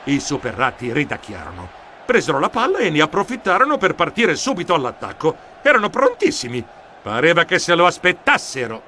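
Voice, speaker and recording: A man narrating a children's storybook in a lively, expressive manner. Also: a little high, a little fast, slight background noise. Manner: expressive, animated. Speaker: audiobook narrator.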